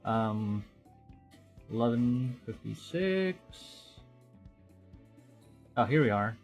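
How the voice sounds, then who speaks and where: With lively intonation and drawn-out words, a young man from the Philippines gives casual gameplay commentary in a medium-pitched voice. The recording has its highs cut off and soft background music. He rambles, self-corrects and mutters quietly to himself.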